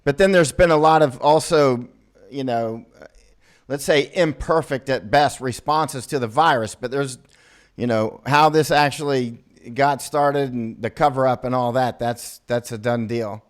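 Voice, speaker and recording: A man's voice: mid-range voice, unhurried. A man hosting a casual, conversational interview over a video call. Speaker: interview host.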